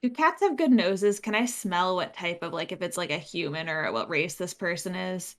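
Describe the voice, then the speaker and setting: A woman's voice: lowish voice, animated, normal speed. A woman chatting casually and playfully as a player in a tabletop game, with a theatrical streak. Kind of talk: casual game table chat with in-character speech.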